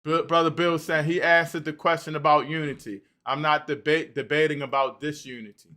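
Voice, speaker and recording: A man hosting a livestream, reading out and answering chat comments in an animated way. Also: a little high, brisk. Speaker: livestream host.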